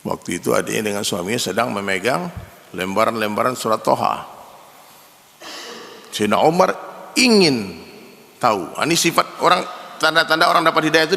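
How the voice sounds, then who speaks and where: A man preaching a sermon in lively storytelling fashion, often turning to address the men in his audience directly. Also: mid-range voice, gravelly. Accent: Indonesian. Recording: long hall reverb.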